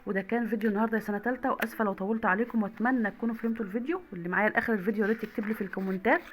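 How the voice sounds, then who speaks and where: A young woman with an Egyptian accent teaching an online Arabic lesson to primary school children, repeating words slowly and clearly. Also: medium pitch, a little hiss or hum.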